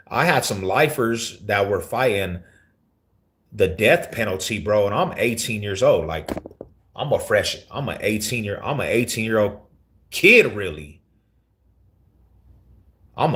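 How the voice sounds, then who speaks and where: A man in his forties with a voice on the low side tells his story on a casual live stream. He's slangy, repeats himself and calls the listener bro.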